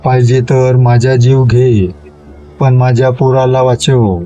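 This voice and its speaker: A man's voice: mid-range voice, level tone, takes it slowly, mellow, dull audio, natural voice. A man voicing a desperate village father who pleads tearfully for his son's life in a spoken horror story. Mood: pleading. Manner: pleading, tearful, rural speech.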